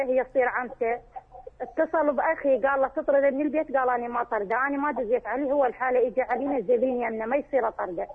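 A woman's voice: fairly high pitch, slightly rough. A woman calling in to ask a religious scholar questions, speaking earnestly and pleading, often addressing him as sheikh. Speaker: caller. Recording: tinny phone line.

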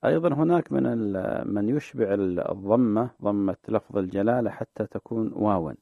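Deep gravelly sheikh over a narrow line. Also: male voice, no room sound. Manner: measured, explanatory, drawls out demonstrated phrases. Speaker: sheikh answering religious questions. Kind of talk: call-in religious Q&A answers. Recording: dry, phone-like narrow sound.

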